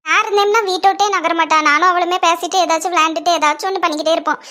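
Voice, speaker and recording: A woman's voice: very high voice, steady tone, very fast, sharp tone. A woman with a Kanyakumari Tamil accent voicing young women and a fussing mother in a family cartoon, with a scolding, teasing manner.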